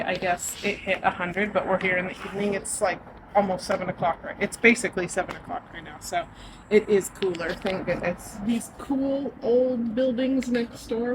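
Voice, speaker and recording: A woman talking in a chatty, upbeat, enthusiastic way as a travel vlogger. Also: mid-range voice. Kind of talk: casual travel vlog. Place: outdoors on a terrace and a hill. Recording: background noise outdoors.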